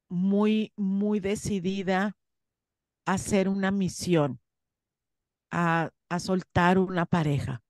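A woman's voice: mid-range voice, no echo, studio quality. A woman, a guest in an interview, earnestly telling a personal story and acting out her own past words. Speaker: interview guest, spiritual course teacher.

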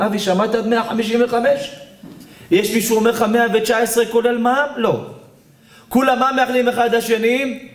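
A male rabbi giving a sermon at a community evening, animated, firing questions at the audience and calling on listeners by name. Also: high-pitched. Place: lecture hall at a community evening. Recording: echoey hall.

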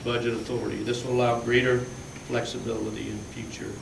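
A creaky, flat, mid-range voice moves quickly as a plainspoken school business official presents the budget at a school board meeting, taking listeners through handouts step by step. He sounds far off, captured by a distant room camera in a large fluorescent-lit room with echo and a faint hum.

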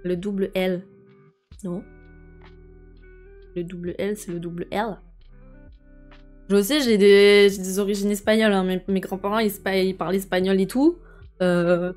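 A woman's voice: mid-range voice, a little mellow. A young woman streamer chatting casually and rambling with her viewers, answering chat messages as she goes.

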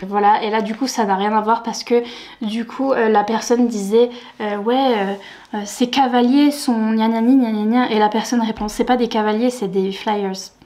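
A young woman book vlogger chatting casually to camera, animated, laughing often and mocking awkward word choices. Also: medium pitch, normal speed.

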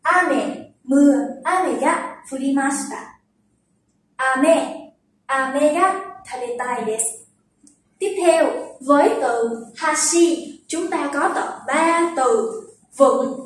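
A young woman teaching Japanese vocabulary, patiently explaining and slowly repeating words to show their pitch accent. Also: a little hiss or hum. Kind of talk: vocabulary lesson. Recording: very echoey room, distant from the mic.

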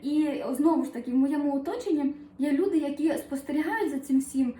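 A woman with a Ukrainian accent, a numerologist talking to her viewers in a chatty, lively motivational monologue full of fillers and acted-out asides. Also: high voice, brisk, echoey room. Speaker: numerologist and self-help vlogger.

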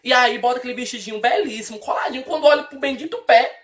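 A woman's voice: high-pitched, quick pace, fairly bright tone. A Brazilian woman talks straight to her viewers in a comic opinion rant. She is blunt and teasing, and she exaggerates everything with mock outrage. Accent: Brazilian Portuguese. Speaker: vlogger.

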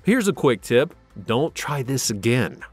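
A man narrating a scripted wildlife countdown, steady with dramatic emphasis, over faint music. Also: medium pitch, unhurried, husky, dry recording. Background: faint background music.

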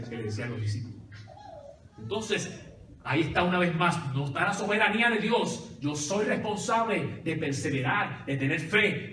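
Guy preaching in church, pretty high voice, roomy echo, call and response with the crowd. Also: background noise. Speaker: pastor. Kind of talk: sermon. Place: church sanctuary. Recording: echoey church hall from far off.

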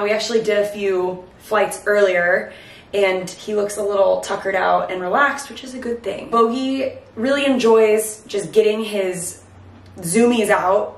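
A woman's voice: medium pitch, fairly even intonation, a little slow. Breathless woman in an echoey kitchen. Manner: chatty, explanatory. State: breathless from late pregnancy. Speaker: host of a pet bird channel. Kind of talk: casual instructional talk to camera. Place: home kitchen, indoors. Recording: echoey kitchen, distant mic.

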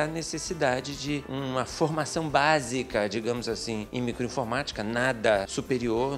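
A middle-aged man, a lawyer, answering interview questions in a small office, speaking in a measured, methodical way with frequent hesitant fillers. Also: mid-range voice. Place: small office with bookshelves, indoors. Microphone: handheld interview mic.

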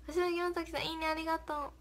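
A woman's voice: extremely high pitch, little pitch movement, fast talker, a bit bright. A young woman hosting a casual livestream, reading viewer comments aloud, thanking them, and giggling often. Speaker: idol livestream host.

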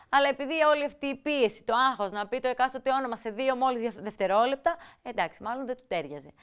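A woman hosting a TV show, presenting in an upbeat, energetic scripted way and mixing in English words. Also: fairly high pitch, smooth. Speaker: TV show host.

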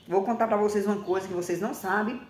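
A woman in her forties talking bluntly and emphatically to a phone camera, often ending phrases with a quick question. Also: mid-range voice, steady tone, a little mellow, roomy sound. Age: 40s. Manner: blunt, emphatic, repeats herself, frequent "tá?". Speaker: vlogger. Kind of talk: casual direct-to-camera talk. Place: small indoor room with plain wall.

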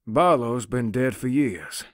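A laid-back rugged bounty hunter. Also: male voice, medium pitch, lively intonation, slow, no room sound, studio quality. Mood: easygoing. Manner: casual and easygoing. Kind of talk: full-cast audio drama.

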